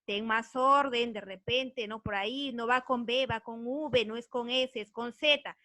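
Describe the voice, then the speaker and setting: A woman's voice: fairly high pitch, fairly even intonation, unhurried, sharp tone, dry recording. A woman teaching a recorded grammar lesson, earnest and patient, often checking in with her students. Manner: earnest, explains patiently, checks understanding with frequent tag questions. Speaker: language teacher.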